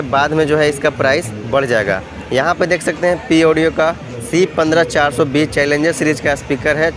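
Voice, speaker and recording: A man vlogging through an expo hall, listing models and prices in a steady, repetitive way. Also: on the high side. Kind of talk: walkthrough vlog listing prices. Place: busy indoor trade expo hall. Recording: noisy expo hall phone recording.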